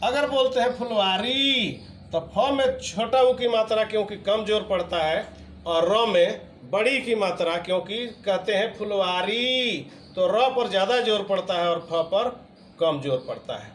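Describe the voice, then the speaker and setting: High-voiced Hindi teacher in echoey room. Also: male voice, animated, unhurried. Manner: patient, explanatory, stresses example words. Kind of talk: video lesson. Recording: echoey room with faint background noise.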